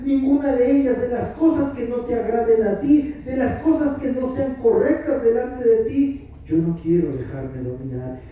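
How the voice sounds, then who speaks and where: A man, a pastor leading a sermon who prays aloud fervently and then explains in a softer, conversational way. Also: extremely high pitch. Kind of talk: sermon with spoken prayer. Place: church sanctuary. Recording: very echoey church hall, mic far off.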